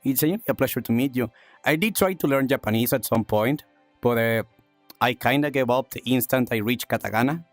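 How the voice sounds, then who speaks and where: Speaking at medium pitch and a brisk pace, this South American streamer and talk show host chats loosely with his livestream audience in a dry recording with soft music underneath. Chest congestion makes him cough, but he stays upbeat, repeating himself and thanking viewers warmly.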